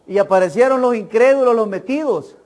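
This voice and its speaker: A man's voice: very high voice, brisk, darkish tone. A man preaching an evangelical sermon at a church service. He speaks emphatically, poses rhetorical questions and keeps telling the congregation to listen well.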